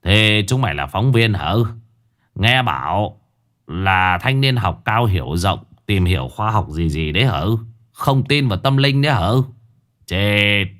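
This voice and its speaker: A man voicing a gruff, blunt older village man who scolds and lectures. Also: lowish voice, lively intonation, a little slow, fairly bright tone, voice pushed down. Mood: gruff lecturing. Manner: rough, scolding, calls listeners "chúng mày".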